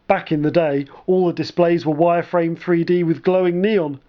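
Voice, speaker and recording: A man's voice: on the high side, fairly even intonation, moderate pace, natural voice. A man voicing an older, gung-ho male army commander who talks bluntly and confidently, in a dull lo-fi recording. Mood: hearty.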